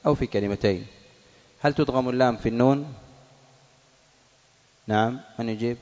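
Male recitation teacher, mid-pitched. Drills his examples slowly and quizzes the class. Dull recording with a long hall echo. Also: a little mellow. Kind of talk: classroom lesson on recitation rules. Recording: dull audio in a reverberant hall.

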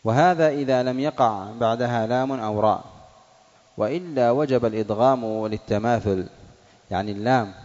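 Male recitation teacher, mid-pitched. Drills his examples slowly and quizzes the class. Dull recording with a long hall echo. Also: a little mellow. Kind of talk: classroom lesson on recitation rules. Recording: dull audio in a reverberant hall.

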